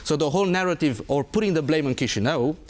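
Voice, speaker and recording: A man's voice: fairly high pitch, lively intonation, fast talker. Emphatic male guest. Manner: emphatic, pointed, rhetorical questions. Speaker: guest, former diplomat. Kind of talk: interview answers.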